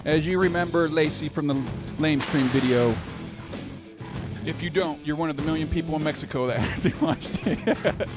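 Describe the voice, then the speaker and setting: A man hosting a casual food vlog outdoors, trading deadpan jokes in a playful, mock-newscaster way. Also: a little high, normal speed. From Utah. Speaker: vlog host. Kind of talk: joking casual commentary. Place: outdoors at street taco stands. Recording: music playing behind.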